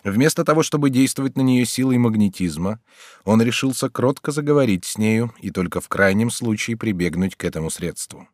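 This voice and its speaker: A man narrating a classic novel in a measured, expressive reading. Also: on the low side, no echo, clean studio sound. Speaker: audiobook narrator.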